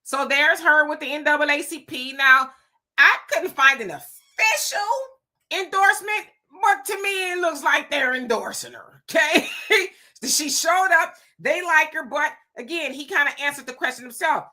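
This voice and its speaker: High, bright-voiced chatty woman host. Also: normal speed. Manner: chatty, sassy, thinks aloud with asides. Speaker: commentary show host. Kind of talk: casual political commentary.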